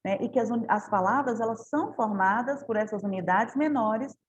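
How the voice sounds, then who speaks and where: A woman's voice: a little high, brisk, muffled recording. A woman giving a teacher training talk, explaining step by step and often adding tag questions.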